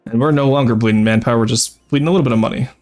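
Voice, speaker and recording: A male game streamer gives casual live commentary in a medium-pitched voice. He thinks aloud as he plans and speaks to his chat. Music plays behind his voice. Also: rapid-fire, a little mellow. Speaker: streamer, VTuber.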